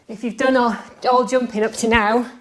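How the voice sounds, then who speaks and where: A woman's voice: on the high side, steady tone, normal speed, a little hiss or hum, rough recording. A woman leading a bodyweight workout, talking through each exercise while doing it herself, chatty and a bit out of breath. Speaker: fitness coach. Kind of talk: workout instruction. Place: outdoors.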